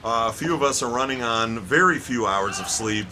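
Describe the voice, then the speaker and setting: A male play-by-play announcer with a mid-range, expressive voice calls an amateur hockey game from the rink booth at a moderate pace. He keeps up playful jokes at the players' expense while noise fills the background.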